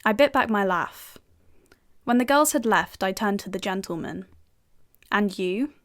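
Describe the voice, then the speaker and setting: A woman's voice: mid-range voice, animated, unhurried, natural voice. British actress as a cocky young female FBI agent narrating her own audio drama, dry sardonic wit, mid-range voice. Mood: wry. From United Kingdom.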